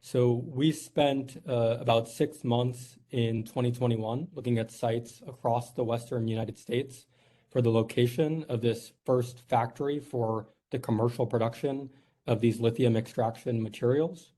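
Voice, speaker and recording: A man's voice: medium pitch, steady tone, a little slow, warm tone. A man from New York, a company executive giving a formal presentation at a board meeting, earnest and polite, with frequent "uh"s. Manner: earnest, filler-heavy, polite.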